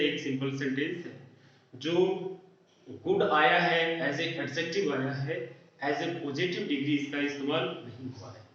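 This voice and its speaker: A man teaches a grammar class at a board, asking his students questions and answering them himself. His voice sits a little high and is heard from across a very echoey room. The recording is dull and lo-fi. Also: fairly bright tone. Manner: explains slowly, asks and answers his own questions. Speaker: English teacher. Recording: roomy echo, distant lo-fi mic.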